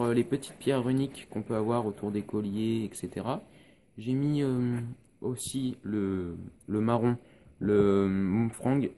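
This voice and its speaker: A man's voice: on the low side, dark tone. A man giving a casual painting tutorial, recorded on a phone, explaining each step with many hesitations.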